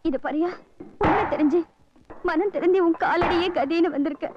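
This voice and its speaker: Repentant young wife. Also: female voice, extremely high pitch, moderate pace. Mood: pleading. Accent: Tamil. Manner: tearful pleading. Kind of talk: Tamil film melodrama. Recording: dull film audio with loud music.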